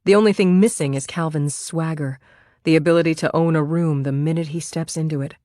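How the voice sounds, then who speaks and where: A woman with a notably low voice reads a thriller audiobook in calm, measured narration. The recording is dry and close, with no room sound at all. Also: dry recording. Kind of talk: scripted narration.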